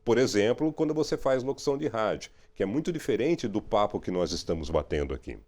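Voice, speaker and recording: A middle-aged man, a radio and TV journalist, speaking in a relaxed, reflective interview, often ending phrases with a questioning tag. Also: fairly low pitch, quick pace. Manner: reflective, frequent "né?" tags.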